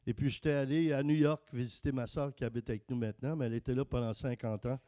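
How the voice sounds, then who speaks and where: A man preaching a casual, joking sermon and reading scripture slowly. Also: medium pitch, fairly even intonation, warm tone, clear, resonant tone. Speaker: preacher and worship singer. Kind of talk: casual sermon with sung worship.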